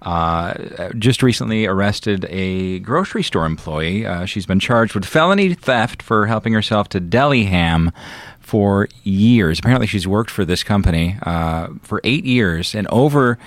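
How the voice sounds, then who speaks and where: A man co-hosting a talk show, reading out an odd news story in a steady, casual way with plenty of "uh"s. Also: lowish voice, measured pace, no room sound. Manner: steady reader with filler words. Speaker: radio show co-host.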